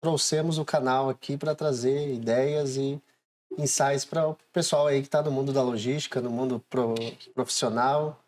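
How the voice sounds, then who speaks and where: A man's voice: mid-range voice, steady tone, moderate pace, darkish tone. A man co-hosting a podcast, upbeat and promotional as he thanks listeners and plugs the channel. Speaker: podcast co-host. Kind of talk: casual interview chat.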